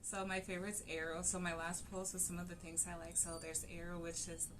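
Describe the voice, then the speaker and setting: Young woman coach, lowish voice. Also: little pitch movement, fairly quick, background noise. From Cameroon. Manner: easygoing, laughs often. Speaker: guest relationship coach. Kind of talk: casual interview chat.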